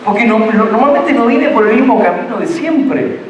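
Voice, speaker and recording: A man's voice: very high-pitched, lively intonation, moderate pace, slight background noise. A middle-aged man, preaching a sermon as pastor, earnest and full of repeated words and restarts. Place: church sanctuary. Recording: echoey church hall, distant mic.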